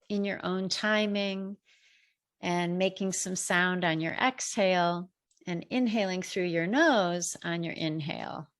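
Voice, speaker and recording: Slow, soothing woman guiding meditation. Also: mid-range voice. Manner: slow, soothing, gentle instructions. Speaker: meditation guide. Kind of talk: guided meditation.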